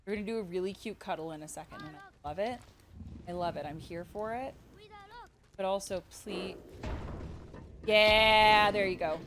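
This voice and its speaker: A woman speedrunner giving live commentary on her game, cooing baby talk to the creature and bursting out loud when things go well or wrong. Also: mid-range voice, noisy background. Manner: excitable, with sudden loud outbursts. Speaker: speedrunner streamer.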